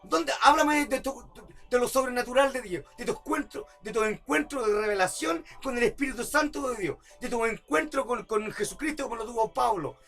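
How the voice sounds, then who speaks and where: A man's voice: very high-pitched, normal speed, fairly bright tone, soft background music. A man preaching a sermon as pastor, repeating rhetorical questions and building to emphatic outbursts. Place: church service.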